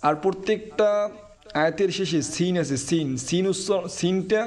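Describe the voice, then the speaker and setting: A man with a Bangladeshi Bengali accent teaching Quran recitation, chanting verses slowly and drawn out, then explaining pronunciation in quick speech. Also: sits high.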